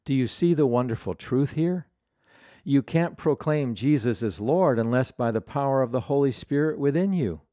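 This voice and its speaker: A man preaching a sermon in a slow, solemn way, pausing for emphasis. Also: medium pitch, expressive, mellow, no echo, clean studio sound.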